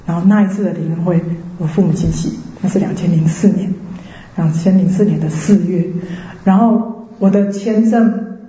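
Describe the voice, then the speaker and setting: A woman from Taiwan with a Taiwanese Mandarin accent, giving a personal faith testimony as a lively storyteller who acts out the voices of people she quotes. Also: on the low side, moderate pace. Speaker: church member giving testimony. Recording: roomy, slightly dull sound.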